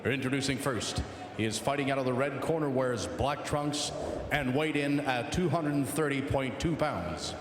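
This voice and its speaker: A man working as a boxing ring announcer, formal and ceremonious, drawing out names over an arena sound system. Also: medium pitch. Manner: ceremonious, measured, drawn-out delivery. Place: large indoor boxing venue. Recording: echoey arena PA, noisy hall.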